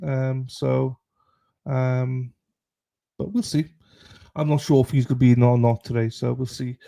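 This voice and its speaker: Male livestream host, matey and irreverent, dark relaxed tone, casual chatty delivery. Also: medium pitch, unhurried, gravelly. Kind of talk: casual chat with live stream viewers.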